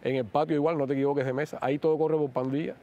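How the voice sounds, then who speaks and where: A man with a Cuban accent, a guest recounting his years in prison in an animated interview manner. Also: on the high side, rapid-fire. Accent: Cuban Spanish. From Cuba. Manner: animated, acts out quoted speech. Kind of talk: interview storytelling.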